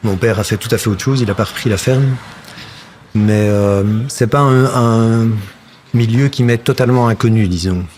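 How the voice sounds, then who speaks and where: A lowish, slightly mellow male voice at a moderate pace, with a little hiss or hum behind it. He's an actor and puppeteer in his fifties from near Brussels, Belgium, speaking French with a light Flemish accent as a guest in a casual interview. Thoughtful in tone, he often hesitates and begins sentences again.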